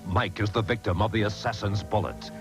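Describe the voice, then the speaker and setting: A man's voice: fairly low pitch, a little fast, over loud music. A man narrating a dramatic soap opera promo as a network announcer.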